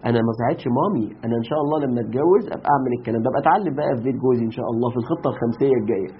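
A man with an Egyptian accent voicing a spoiled, lazy young woman in a high mocking falsetto. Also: expressive, rapid-fire, narrow, tinny audio, a little hiss or hum, natural voice. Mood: dismissive.

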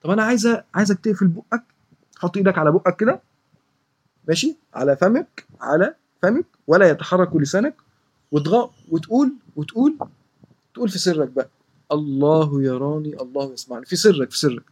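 Brisk, emphatic Egyptian woman teaching children. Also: on the low side, big pitch swings, a little mellow, slightly rough. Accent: Egyptian Arabic. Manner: emphatic and repetitive, slows down to recite verses. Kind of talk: religious lesson for children.

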